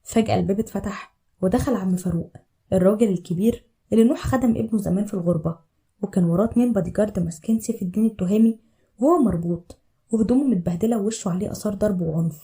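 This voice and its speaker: A woman with an Egyptian accent narrates a scripted story at a racing clip. Her tone is dark and mellow, and her delivery stays even throughout. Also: medium pitch, rapid-fire. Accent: Egyptian Arabic.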